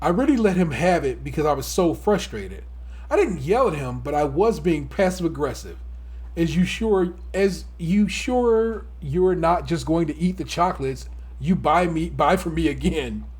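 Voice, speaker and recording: A man co-hosting a casual podcast, talking in an animated way, laughing often and swearing freely. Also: a little high, moderate pace, husky. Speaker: podcast co-host.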